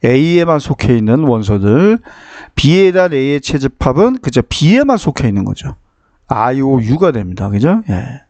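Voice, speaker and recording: A man's voice: mid-range voice, big pitch swings, slow, a little mellow. A man teaching a math lesson, explaining step by step and often checking that his students follow. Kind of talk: classroom math lecture.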